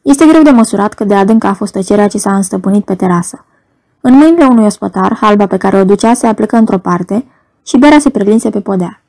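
A woman narrating an audiobook in a measured storytelling manner. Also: medium pitch, a little mellow.

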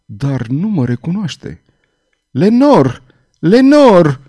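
A man reading aloud plays a middle-aged cardinal torn apart by lost love, pleading and crying out with a dark, mellow voice. The lines rise and break with despair, as in a spoken storybook. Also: mid-range voice, expressive, close to an everyday voice. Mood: anguished. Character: anguished middle-aged male cardinal, desperate lover.

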